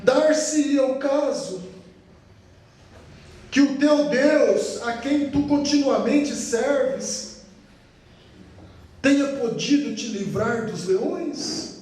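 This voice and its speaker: A man's voice: extremely high pitch, darkish tone, exaggerated voice. A man acting as a grieving sorrowful king. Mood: mournful. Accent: Brazilian. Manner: slow, mournful, pleading. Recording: echoey church hall, mic far off.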